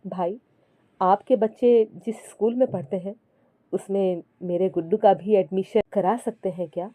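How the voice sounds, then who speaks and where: A woman voicing a hardworking, devoted mother who speaks quietly and softly. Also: mid-range voice, steady tone, measured pace, dry recording, narrow, tinny audio, close to an everyday voice. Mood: gentle. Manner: quiet, soft-spoken.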